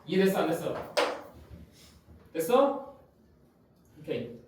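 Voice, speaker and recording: A man's voice: on the high side, sing-song. A man teaching math in a classroom, walking through graphs on the board and checking again and again that students follow. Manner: constantly checks students' understanding, brisk and informal. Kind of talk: classroom lecture. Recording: very echoey room, far from the mic, faint noise.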